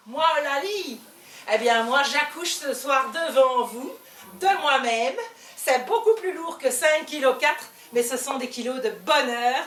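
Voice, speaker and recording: A woman with a Belgian French accent performing a theatrical stand-up monologue on stage, swinging between loud outbursts and hushed asides. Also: sits high, slight background noise. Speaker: comedian. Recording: echoey hall, voice from far off, faint ambience.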